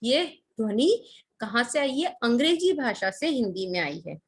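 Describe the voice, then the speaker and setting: Higher-pitched teacher woman, patient and repetitive. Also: sing-song, normal speed, husky. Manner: patient, repeats key points and asks the class questions. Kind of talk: classroom-style Hindi grammar lesson for children.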